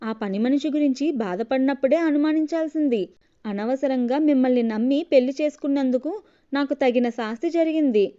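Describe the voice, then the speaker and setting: A woman's voice: high voice, fairly quick, close to an everyday voice. A woman playing a melodramatic TV-hooked wife. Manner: sharp, sulky and theatrical. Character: naive, melodramatic young wife hooked on TV dramas. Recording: dull lo-fi recording.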